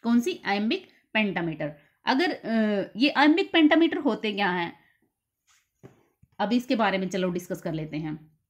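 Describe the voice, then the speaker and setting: A woman teacher explaining literature terms for an exam, slowly repeating key terms. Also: mid-range voice, animated. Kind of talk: exam-prep lecture.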